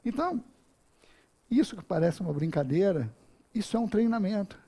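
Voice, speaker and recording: A man's voice: high-pitched, lively intonation, moderate pace, dark tone, breathy edge. A man in his fifties giving a casual, humorous talk full of personal stories at a spiritist center. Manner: humorous storytelling, acts out his own moves.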